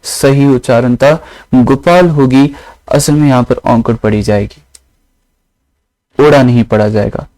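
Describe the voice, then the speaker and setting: Calm man teaching scripture grammar. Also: mid-range voice, dry recording, low-quality recording. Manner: slow, explanatory, repeats phrases with synonyms. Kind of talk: religious grammar lesson.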